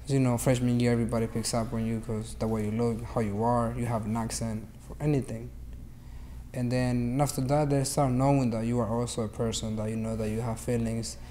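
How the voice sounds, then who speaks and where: Young man, late teens, flat mellow voice, earnest and determined, faint background hiss. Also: mid-range voice, a little fast. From Honduras. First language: Spanish. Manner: earnest, determined, many fillers. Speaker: student activist. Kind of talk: interview testimony.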